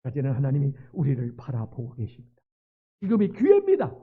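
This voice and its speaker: A male pastor preaching a sermon, moving from hushed pleading to loud, fervent cries. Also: mid-range voice, wildly swooping pitch, fairly quick, slightly rough. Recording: tinny phone-like sound.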